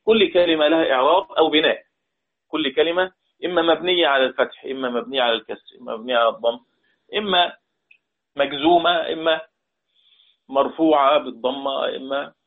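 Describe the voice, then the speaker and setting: A man with an Egyptian accent explains a lesson patiently, with a slightly high, husky voice. He goes back over key words and asks his listeners to respond. The sound is thin and tinny, like a phone line. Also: quick pace, pauses often. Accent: Egyptian Arabic. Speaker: Quran recitation teacher.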